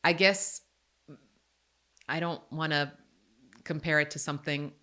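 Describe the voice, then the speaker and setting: This forties-aged Croatian podcast host talks casually, candidly and with self-deprecating humor. She has a deep, sharp-toned voice, delivered at a measured pace with fairly even intonation.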